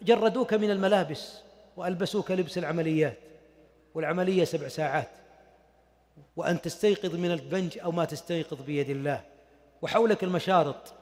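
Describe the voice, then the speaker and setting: A man preaching a sermon, swinging from hushed tones to impassioned shouting. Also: fairly high pitch. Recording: long reverb of a large hall.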